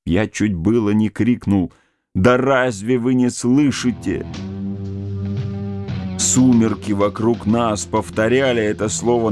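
A man giving a grave, measured reading of a literary novel as the first-person narrator. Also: low-pitched. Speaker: audiobook narrator.

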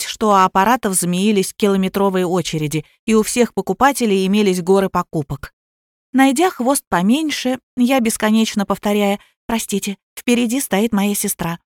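A woman reads a first-person story aloud with a lively, ironic telling. Her voice sits at an ordinary middle pitch. The recording is dry and close, with no room sound. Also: no room sound. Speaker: audiobook narrator. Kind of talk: scripted first-person narration.

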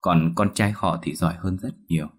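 A man narrating a ghost story in a slow, somber storytelling tone. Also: sits low, husky.

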